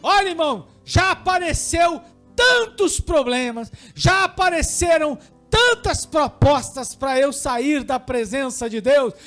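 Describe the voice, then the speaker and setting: Fervent Brazilian pastor, high-pitched. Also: male voice, lively intonation, takes it slowly, faint music behind. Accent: Brazilian Portuguese. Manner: passionate preaching, swinging between quiet talk and shouting. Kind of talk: sermon. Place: church service.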